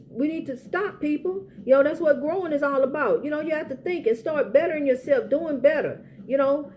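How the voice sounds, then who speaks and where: A woman's voice: high voice, warm tone. A middle-aged woman with an American accent gives informal, heartfelt advice in an earnest, pleading and repetitive way. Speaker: parent speaking out in a personal public service message. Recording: faint background noise, ambient sound.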